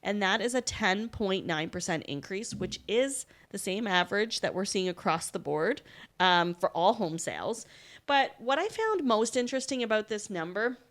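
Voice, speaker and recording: A woman's voice: medium pitch, lively intonation, normal speed. A woman co-hosting a podcast, chatting through figures and adding her own asides. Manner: chatty, explains numbers with asides. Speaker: podcast co-host. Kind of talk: casual podcast chat with market figures.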